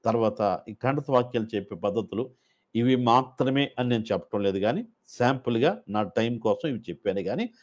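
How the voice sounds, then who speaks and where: A man's voice: medium pitch, a little mellow. A man training Sunday school teachers, explaining methods step by step in a loose, informal way. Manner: explains step by step, with many fillers and restarts. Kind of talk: instructional talk.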